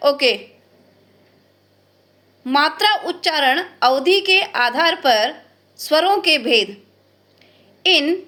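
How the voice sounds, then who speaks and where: A woman's voice: sits high, sharp tone. A woman teaching a grammar lesson, explaining step by step and often checking in with her students, mixing in phrases. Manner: explains step by step, keeps asking "ठीक है?", drops in English phrases. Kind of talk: classroom-style online lesson.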